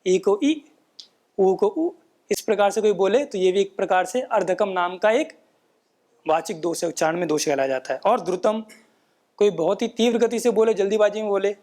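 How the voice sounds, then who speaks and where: A man's voice: high-pitched, darkish tone. Patient man teaching Sanskrit pronunciation. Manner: patient, repeats points with frequent "है ना" tag questions; chants Sanskrit rules in measured recitation. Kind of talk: explanatory lecture.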